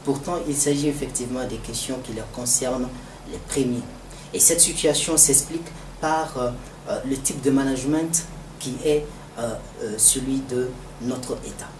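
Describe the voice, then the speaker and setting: Man, Malian French accent, formal didactic commentator, deliberate delivery, echoey room, clear background noise. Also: medium pitch. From Mali. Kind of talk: formal political analysis. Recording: echoey, distant mic, noisy background.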